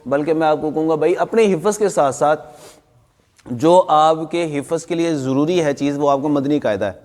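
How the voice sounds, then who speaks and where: A male recitation teacher lectures his students in a firm, emphatic way, stopping to quiz them. His voice sits a little high for a man. The sound rings with a long hall reverb. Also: darkish tone. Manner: firm, emphatic, quizzes the class. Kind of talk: classroom lesson to students. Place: classroom with students.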